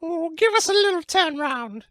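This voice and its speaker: A brash, flirty working-class woman in a game. She is sarcastic and saucy, with a very high voice that sounds close and dry. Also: lively intonation, normal speed, fairly bright tone, no room sound.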